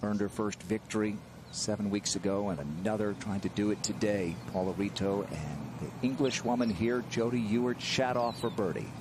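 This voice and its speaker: A man's voice: on the low side, normal speed, noisy background. A man working as lead announcer, giving live golf commentary on a broadcast.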